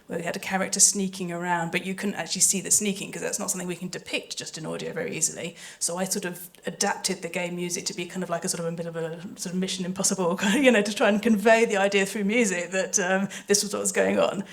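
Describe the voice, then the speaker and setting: Speaking into a handheld microphone shared among panelists at a live festival panel, this woman, an audio drama composer, explains her creative work in a thoughtful, hesitant, explanatory way. Her fairly low, gravelly voice stays fairly even in intonation, and she speaks fast with few pauses.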